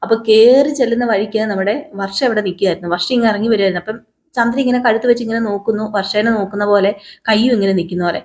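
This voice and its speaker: A woman casually retelling the events of a TV serial in an animated, chatty manner. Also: mid-range voice, rapid-fire. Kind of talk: casual storytelling narration.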